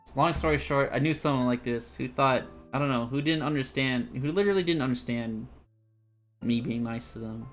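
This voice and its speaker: A man streaming a visual novel, narrating its text and chatting casually, with jokes and loud outbursts. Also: mid-range voice, brisk, soft background music.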